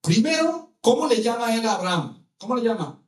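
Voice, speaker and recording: Preacher with a high voice. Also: male voice, moderate pace, echoey room. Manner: animated, asks the listeners many rhetorical questions. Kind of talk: sermon.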